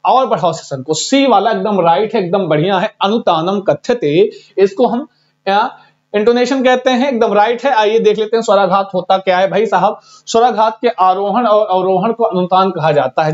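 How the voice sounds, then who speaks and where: A man's voice: high-pitched, a little mellow. A man teaching a live online exam-prep class, chatty and teasing, reading out students' answers. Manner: chatty, teasing, reads students' chat aloud. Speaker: Sanskrit teacher. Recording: dull lo-fi stream audio.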